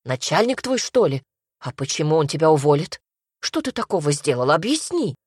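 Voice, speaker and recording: Casting: anxious lamenting mother in an audiobook, read by a woman, lowish dry voice. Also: sing-song, brisk, slightly rough, no room sound, heavily acted. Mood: fretful. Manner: fretful, lamenting, hushed. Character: worried fretful mother, soft and lamenting.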